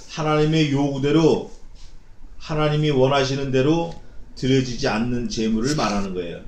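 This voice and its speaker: A male pastor preaching a sermon, emphatic and animated, acting out quoted speech. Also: on the high side, roomy sound, a little hiss or hum. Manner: emphatic, voices God in dramatic quoted lines. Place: church sanctuary.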